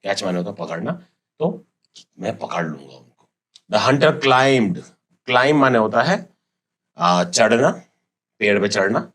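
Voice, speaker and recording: A middle-aged man teaching a lesson, reading English lines slowly and then explaining what the words mean. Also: on the low side, animated, a bit bright.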